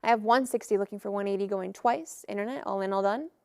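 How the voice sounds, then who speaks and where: A woman auctioneer calling bids in a live auction with brisk, formulaic patter. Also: medium pitch, gravelly, a little mellow, clean tone, dry recording, studio quality.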